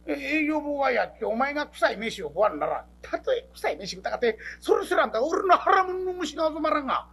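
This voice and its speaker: A rash young man of twenty-eight, played by a man in comic storytelling, talks loud and excitable. His voice rides high and swings widely in a Kansai accent. He brags and blusters constantly. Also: brisk, vocal fry, few pauses, exaggerated voice. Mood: excited. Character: hot-headed young man of 28, rash and boastful.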